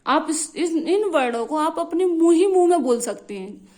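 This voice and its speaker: A woman's voice: very high voice, lively intonation, moderate pace, dark tone. A young woman teaching a lesson, repeating key phrases and checking in often with her students. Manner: repetitive, drilling phrases, frequent checks like "theek hai".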